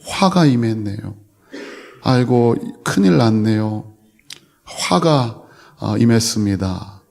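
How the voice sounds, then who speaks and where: A man voicing excited village folk who exclaim and fuss loudly to an old man. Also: mid-range voice, slow pace, creaky. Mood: fretful exclaiming. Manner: fretful, exclaiming.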